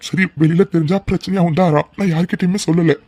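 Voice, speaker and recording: A man's voice: fairly high pitch, steady tone, fast, a little mellow, close to an everyday voice. A man voicing a smug, scheming young cartoon villain. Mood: fake pleading. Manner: boastful scheming, turns falsely pleading. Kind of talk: cartoon serial dubbing.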